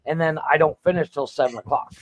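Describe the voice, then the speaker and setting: A man's voice: fairly high pitch, quick pace, a little hiss or hum. A man co-hosting a podcast, talking in brash, profane banter. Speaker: podcast co-host. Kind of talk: casual chat.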